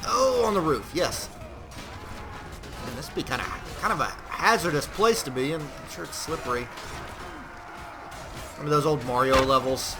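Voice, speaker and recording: Man, gameplay commentary, rambling and profane, slightly high voice, loud game music underneath. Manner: profane, rambling, bursts of shouting.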